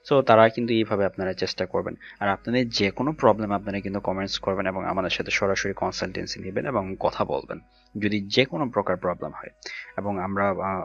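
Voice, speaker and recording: A man's voice: low voice, gravelly, slightly rough. A man from Bangladesh teaching an online English lesson, reading out word lists with many fillers. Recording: dull lo-fi recording with faint music.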